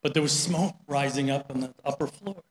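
A man's voice: mid-range voice, a little fast, slight background noise. A middle-aged man giving a sermon, telling a story in a chatty way with many "right?" asides. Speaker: preacher. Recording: roomy echo.

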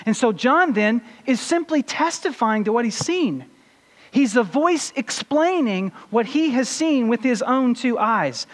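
A man with a notably high voice preaches a teaching sermon, asking questions of his listeners and then answering them. His words ring out with a long reverb from a large church sanctuary. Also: lively intonation, unhurried. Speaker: pastor.

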